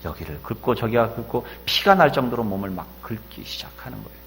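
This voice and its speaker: A male pastor telling a story in a sermon, often rising to loud emphasis. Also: lowish voice, lively intonation, a little fast, slight background noise. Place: church sanctuary. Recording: echoey church hall.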